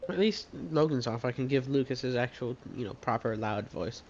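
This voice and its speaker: A man's voice: mid-range voice, fairly quick, muffled recording, a little hiss or hum. A man casually chatting as he streams a game, laughing between remarks. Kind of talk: casual livestream commentary. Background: loud game music.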